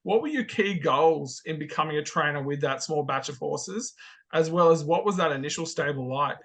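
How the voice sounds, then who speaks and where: Upbeat guy hosting an interview, bright sharp voice, a bit higher pitched. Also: normal speed, creaky. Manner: upbeat, affirming. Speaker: podcast host.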